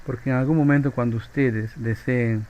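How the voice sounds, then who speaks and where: Speaking at a moderate pace in a steady, mid-range voice, a Peruvian-accented man from Peru gives an informal physics class, often closing phrases with a questioning tag. The recording's highs are cut off.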